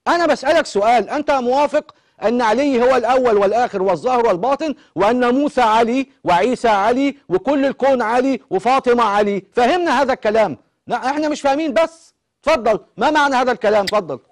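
A man's voice: very high voice, quick pace. A male TV host with an Egyptian accent who keeps pressing a caller with insistent questions on a live call-in show. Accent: Egyptian Arabic.

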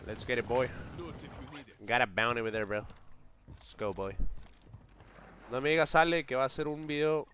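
A man's voice: mid-range voice, normal speed, pauses often, fairly bright tone, slight background noise. A man chatting on a live game stream, teasing his chat with slangy banter.

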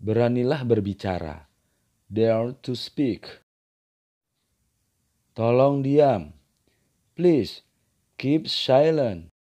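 A man teaching beginners, reading short everyday phrases and then their translations in a slow, scripted drill. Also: mid-range voice, expressive, dark tone. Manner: reads each phrase in one language, then its translation. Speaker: language teacher.

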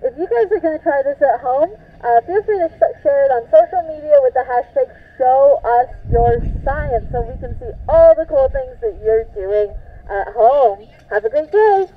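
A woman's voice: high voice, animated, moderate pace. A science educator, a woman, heard speaking through a string-and-cup telephone and giving a casual, upbeat sign-off to viewers. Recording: tinny, distant voice through a cup.

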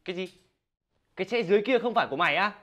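A cocky, boastful young man from the north of Vietnam, bossing his friends around, played by a man in a comedy sketch. His voice sits high and bright and swings widely up and down, so every line lands with a brash bluster. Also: expressive, rapid-fire, lo-fi sound. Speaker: actor. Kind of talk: web comedy sketch acting.

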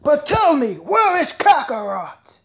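A man's voice: very high voice, sing-song, slow, bright, forceful tone, voice pushed up, heavily acted. A man switching impression voices between hot-blooded anime fighters and taunting villains. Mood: fierce.

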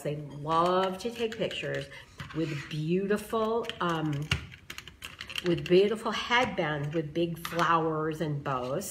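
A slightly hoarse woman demonstrating bow making in a live craft tutorial, chatting with viewers as she explains each step. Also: fairly low pitch, a little hiss or hum. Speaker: craft tool creator demonstrating bows.

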